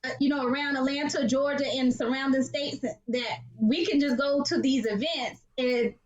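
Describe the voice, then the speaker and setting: A woman's voice: high-pitched, steady tone, moderate pace. A woman guest on a video call, chatting cheerfully and laughing easily. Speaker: guest, family vlogger. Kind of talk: casual chat over a video call. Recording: echoey, dull video call audio.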